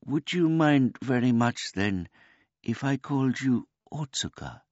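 Brief: a man putting on a gentle, simple-minded old man, polite and meek, voice raised well above his own, dull lo-fi sound. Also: mid-range voice, lively intonation, a little slow, no room sound, voice pushed up, lightly acted. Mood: earnest. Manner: talks of himself in the third person, meek and courteous.

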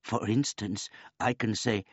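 Brief: a man putting on a gentle, simple-minded old man, polite and meek, voice raised well above his own, dull lo-fi sound. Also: on the low side, fairly even intonation, unhurried, breathy edge, no echo, voice pushed up. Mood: earnest. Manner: talks of himself in the third person, meek and courteous.

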